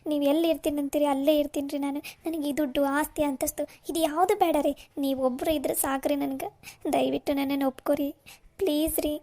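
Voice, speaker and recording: A woman's voice: sits high, fairly even intonation, a little fast, warm tone. A woman voicing a young cartoon wife who repents and tearfully pleads for forgiveness. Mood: tearful pleading.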